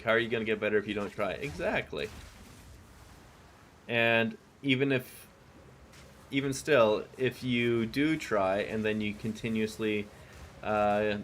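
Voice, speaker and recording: Over slight background noise, a man with a fairly low pitch, an English native speaker, plays a video game on stream. He talks casually with his audience, drifting comfortably between callouts.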